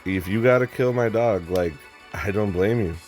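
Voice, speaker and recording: A man's voice: fairly low pitch, normal speed, a little mellow, faint music behind. A young man telling a story in a rambling, blunt and profane monologue, full of restarts and fillers. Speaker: vlogger.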